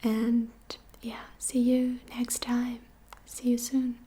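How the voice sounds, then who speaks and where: A woman giving a whispered ASMR lesson, speaking gently and softly and repeating each short phrase several times. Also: on the high side, completely flat delivery, slow, slight background noise. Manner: gentle, soft-spoken. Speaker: ASMR creator teaching phrases.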